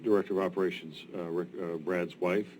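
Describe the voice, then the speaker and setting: A man's voice: deep voice, fairly even intonation, fast talker, a little mellow. A man politely questioning a speaker at a public meeting, formal and a little hesitant. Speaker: county commissioner. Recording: noisy meeting room, off-mic.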